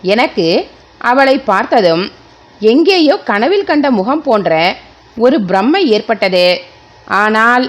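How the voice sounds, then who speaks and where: A woman narrating a short story for an audiobook, reading slowly and expressively in the first person. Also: on the high side, sing-song.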